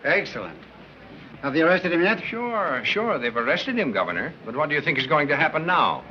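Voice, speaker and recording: An actor playing a cynical newspaperman, quick and scoffing. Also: on the high side, big pitch swings. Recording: dull old 1930s film soundtrack, faint hiss.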